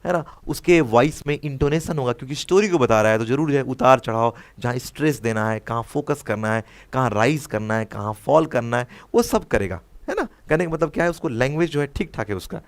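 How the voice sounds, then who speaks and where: A man's voice: mid-range voice, lively intonation, brisk, hardly any pauses. Indian man teaching an exam-prep class. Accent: Indian English. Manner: explains answers, mixing Hindi with English phrases, often asks "है ना?". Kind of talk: online exam-prep lesson.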